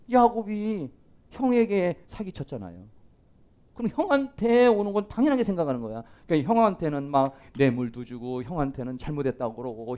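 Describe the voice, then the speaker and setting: High-voiced, animated male pastor lecturing. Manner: animated and colloquial, acting out quoted voices, often laughing. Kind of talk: lively classroom lecture on healing counseling.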